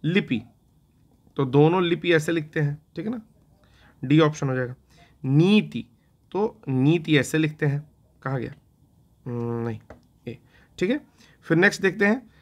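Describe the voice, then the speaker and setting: A man with a fairly high, slightly bright voice teaches an exam-prep spelling lesson in an easy, conversational style. He often repeats "theek hai na" to check in with students and mutters to himself while writing on a board.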